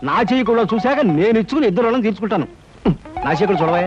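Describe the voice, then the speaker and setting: An actor playing a cheeky, scheming young man in a film comedy, with quick, wisecracking delivery. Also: high-pitched, lively intonation. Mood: indignant. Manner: quick, wisecracking, mock-groaning. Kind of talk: 1980s film comedy acting. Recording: dull old film soundtrack, music behind.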